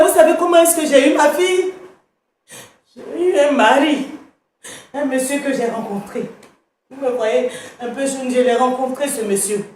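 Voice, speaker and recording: A woman performing a grieving mother in a comedy sketch, lamenting theatrically with shouts and sung wails. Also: high-pitched, very echoey, far from the mic, a little hiss or hum. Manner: wailing, shouting and singing her daughter's name; theatrical lament with sudden outbursts. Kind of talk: comic melodrama acting.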